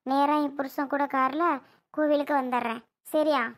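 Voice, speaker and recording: A woman's voice: high-pitched, fairly even intonation, close to an everyday voice. A woman playing a young married woman, a younger sister who scolds and coaxes her brother in a family comedy skit. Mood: coaxing scolding. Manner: scolding yet coaxing, quick to snap.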